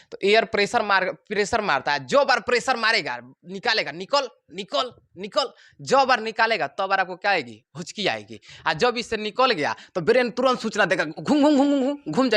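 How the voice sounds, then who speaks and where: A man teaching a science class, animated and joking, acting out the parts of the body as little characters and checking again and again that the students follow. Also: high voice, no room sound, clean studio sound. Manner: keeps asking if students understood. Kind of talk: classroom lecture.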